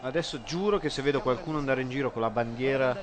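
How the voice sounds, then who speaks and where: A man's voice: mid-range voice, quick pace. A man joking wryly and casually while watching a football game with others. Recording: noisy match crowd behind voice.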